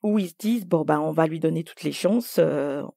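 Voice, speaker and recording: A woman co-hosting a podcast, talking in an animated, emphatic way and thinking aloud in casual conversation. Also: deep voice, brisk, gravelly, slightly rough, no echo, clean studio sound. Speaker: podcast co-host.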